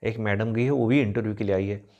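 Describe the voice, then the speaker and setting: A man's voice: lowish voice, steady tone, quick pace, mellow, highs cut off, voice pushed down, natural voice. A man playing an earnest young job applicant. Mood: polite. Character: honest young job applicant, helpful and insistent.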